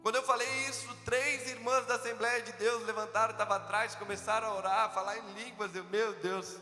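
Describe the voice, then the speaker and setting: A man from Brazil, telling a personal testimony as a preacher at a youth event, a vivid storyteller who slows down when quoting his prayers. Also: high voice, flat delivery. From southern Brazil. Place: large church hall. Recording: echoey hall with soft music.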